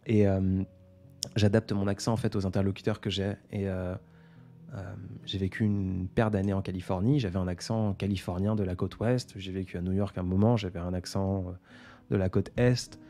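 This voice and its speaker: A man talking casually and reflectively on a live stream, unhurried and often pausing with hesitations. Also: sits low, fairly even intonation, mellow. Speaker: poet and author on a live stream. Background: faint background music.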